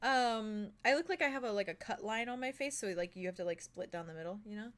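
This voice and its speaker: A playful, giggly and excitable woman chatting casually as a livestream host and game master, with slangy, sweary speech. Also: mid-range voice, fast talker, over a noisy crowd.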